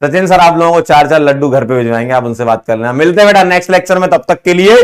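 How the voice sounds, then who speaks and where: A man's voice: a little high, animated, very fast, clear, resonant tone. A male chemistry teacher wrapping up an online lecture, chatting casually and joking with his students, laughing often. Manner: playful, joking, laughs often, calls students 'beta' and 'bhai'.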